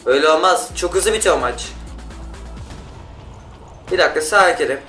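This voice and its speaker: A man giving casual gameplay commentary, excitable and yelling in bursts during fights, talking to the other players. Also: on the high side, a little fast, far from the mic. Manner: talks to other players and teammates. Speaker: gaming YouTuber. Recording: roomy sound, off-mic, loud game music. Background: game music and gunfire.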